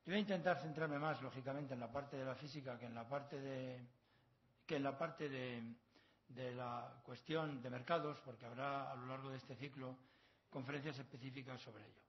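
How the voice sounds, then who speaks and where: A middle-aged professor from La Mancha with a Castilian Spanish accent lectures at an academic conference, erudite and discursive, sprinkling in proverbs and learned asides. His medium-pitched voice stays fairly even at a moderate pace. The long conference hall is captured in slightly dull, lo-fi sound.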